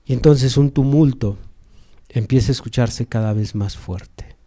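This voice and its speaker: A man's voice: medium pitch, measured pace, dark tone. A male preacher giving a sermon, retelling a Bible story and rising to emphatic cries.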